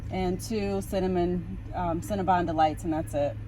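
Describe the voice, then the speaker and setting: A woman's voice: fairly low pitch, fairly even intonation, normal speed, mellow, rough recording. A woman chatting casually to viewers as a food vlogger, recorded inside a car. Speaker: vlogger ordering and presenting fast food. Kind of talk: casual vlog chat. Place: inside a car at a drive-through and parking lot. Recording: clear car and vehicle noise. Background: car and vehicle sounds.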